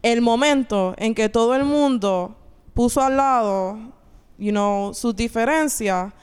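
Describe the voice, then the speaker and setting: A woman's voice: fairly high pitch, slow, clear, resonant tone. A woman giving her opinion in an informal debate, with some English mixed in. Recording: echoey hall-like reverb.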